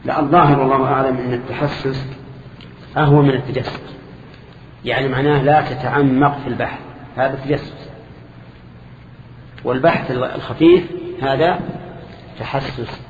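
A man's voice: medium pitch, steady tone, moderate pace, long pauses. A man, teaching a lesson that explains a hadith and putting questions to his students. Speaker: Islamic scholar teaching. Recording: lo-fi recording in a reverberant hall with faint noise.

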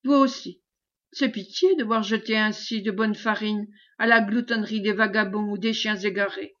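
A woman's voice: mid-range voice, fairly even intonation, moderate pace, fairly bright tone, highs cut off, natural voice. A woman reading the part of a mocking, skeptical man in an audiobook, sneering and scornful.

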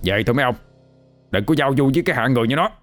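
A man's voice: mid-range voice, expressive, very fast, a bit bright, faint music behind, pitched above the performer's own voice, close to an everyday voice. A man doing jeering village drinking buddies. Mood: contemptuous. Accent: Southern Vietnamese. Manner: mocking, contemptuous. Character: contemptuous middle-aged village drinking buddies.

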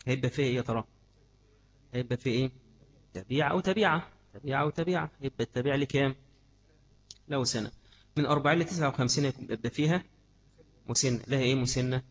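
A man's voice: medium pitch, very fast, pauses often, dull audio. A man with an Egyptian Arabic accent giving an Islamic study lesson, repeating key words and quizzing his class. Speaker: religious teacher.

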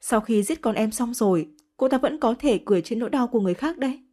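A woman's voice: expressive, quick pace, warm tone. Woman doing a vicious, hysterical young woman. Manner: shrill cursing, wailing accusations.

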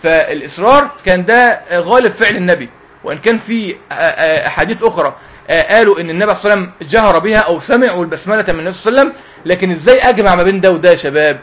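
A man's voice: high voice, animated, racing, fairly bright tone, lo-fi sound. A man with an Egyptian accent teaching a Quran lesson to young people, asking questions and answering them himself. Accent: Egyptian Arabic. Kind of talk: religious lesson to youth.

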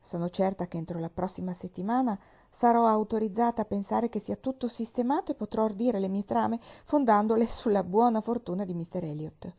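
A woman reading the part of Mrs Smith, a shrewd, knowing widow who speaks in a confiding, gently teasing way. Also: mid-range voice, fairly quick, few pauses, lightly acted.

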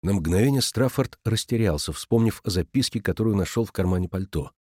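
A man narrates a novel as an audiobook, measured and even in his storytelling. His voice sits on the low side. The recording is close and dry, with no room sound. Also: no room sound. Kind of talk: scripted narration.

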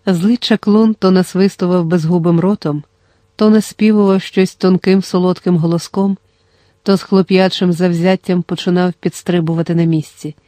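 A steady audiobook narrator reads the story in a dark, mellow tone. The delivery stays even and controlled, and the recording is dry and close with no room sound. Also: medium pitch, normal speed, no echo. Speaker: audiobook reader.

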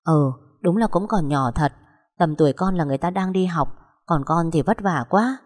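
A woman voicing a kind, caring middle-aged woman who speaks gently and with concern, with a long echoing reverb. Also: lowish voice, normal speed, natural voice.

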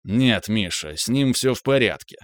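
A man voicing a troubled older male security officer who speaks in a muffled, halting way. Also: lowish voice, expressive, dry recording, studio quality, natural voice. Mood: strained.

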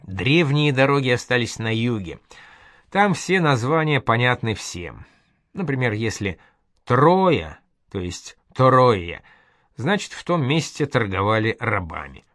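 A man reading an audiobook voices an experienced caravan leader who explains things slowly and calmly. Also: mid-range voice, no room sound, clean studio sound. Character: older male caravan leader, calm and knowing.

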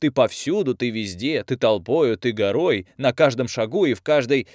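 A man's voice: mid-range voice, lively intonation, normal speed, darkish tone, no echo, clean studio sound, pitched above the performer's own voice, lightly acted. A male audiobook reader voicing a stubborn, defiant young woman who talks in a pressing, sarcastic way. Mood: mocking.

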